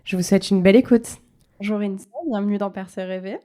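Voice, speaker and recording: Mellow-voiced woman hosting a podcast. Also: medium pitch, steady tone, fast talker. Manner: friendly questioning with small fillers. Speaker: podcast host. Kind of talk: podcast interview.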